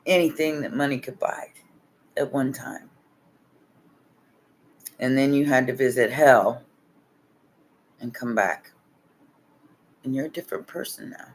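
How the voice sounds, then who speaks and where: A man giving a casual livestream tarot reading, laid-back and chuckling as he rambles, sounding tired with his voice nearly worn out. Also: medium pitch. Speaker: tarot reader.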